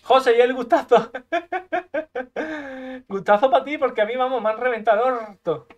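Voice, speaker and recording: A man's voice: very high-pitched, unhurried, faint music behind. Foul-mouthed gamer man. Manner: talks to himself, swears a lot, makes sound effects, erupts in frustrated outbursts. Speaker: gamer commentating his own match. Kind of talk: gameplay commentary.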